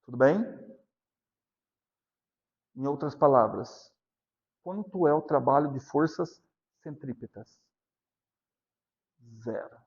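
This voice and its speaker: A Brazilian male physics teacher giving a class lecture, often stopping to ask whether students are following and repeating key points slowly. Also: mid-range voice, a little mellow, muffled recording. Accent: Brazilian Portuguese. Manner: asks constant check questions, repeats points slowly.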